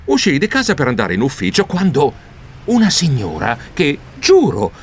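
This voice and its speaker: A man narrating a children's storybook in the first person, expressive and flustered. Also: fairly high pitch, moderate pace, breathy edge. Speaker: audiobook narrator.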